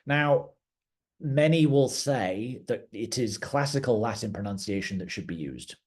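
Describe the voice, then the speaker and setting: A man's voice: medium pitch, expressive, measured pace, a little mellow. A middle-aged man, a garden director, giving a conversational educational talk to gardeners, plain-spoken with occasional restarts. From outside the United States. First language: English.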